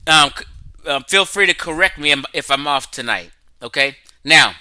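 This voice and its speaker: A man's voice: on the high side, normal speed, bright, forceful tone, smooth, no room sound, poor audio. A man hosting a casual livestream, lecturing emphatically and checking in with his audience, often reading text aloud from his screen. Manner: emphatic, lecturing, frequent "okay?" and "right?". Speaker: online talk show host.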